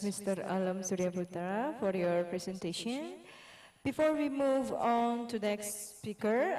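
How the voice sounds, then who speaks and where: A woman's voice: medium pitch, a little mellow. A woman moderating an online academic conference, politely introducing speakers and reading a guest's biography. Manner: polite, measured, scripted. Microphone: video call. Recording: echoey room, far from mic.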